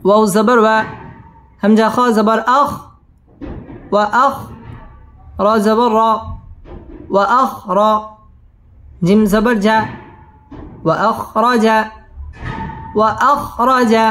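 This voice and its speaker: A man teaches tajweed recitation in a strikingly high voice. He spells out syllables and chants the verses at a very slow, drawn-out pace, then gives brisk spoken notes on the rules. Faint music plays in the background. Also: flat delivery, a bit bright.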